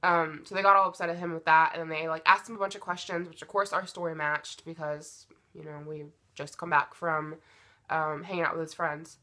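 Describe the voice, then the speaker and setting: A woman's voice: sits low, flat delivery, a little fast, bright, forceful tone. A young American woman telling a personal story in a casual, blunt, chatty way, acting out bits of dialogue as she goes. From United States. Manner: informal and blunt, retells dialogue with "like" and swearing.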